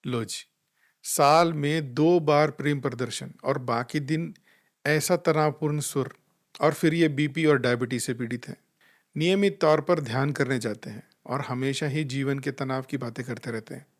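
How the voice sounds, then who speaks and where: A man giving a calm, reflective spiritual talk. He tells gentle anecdotes and acts out the voices he quotes. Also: medium pitch, moderate pace. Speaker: spiritual life coach.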